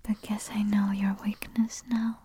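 A woman whispering softly in an intimate, soothing ASMR roleplay as a queen. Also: medium pitch, level tone, measured pace, a little hiss or hum. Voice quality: soft whisper. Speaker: ASMR performer.

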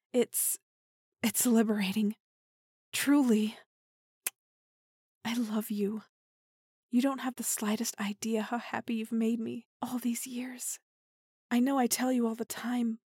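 A clingy, possessive young woman, played by a woman speaks softly in a breathy, fairly high voice, often slipping into a whisper. She lingers between tenderness and quiet menace in an intimate audio drama. The recording is close and dry. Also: dry recording. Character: obsessive possessive young woman, clingy, remorseful kidnapper girlfriend. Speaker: voice actor in audio roleplay.

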